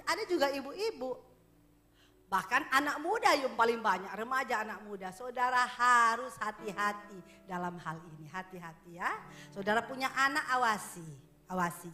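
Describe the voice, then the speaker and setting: A woman pastor giving a sermon in church, chatty and joking at first, then growing loud and emphatic as she exhorts the congregation. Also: a little high. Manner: conversational preaching, rising to emphatic exhortation, laughs with congregation.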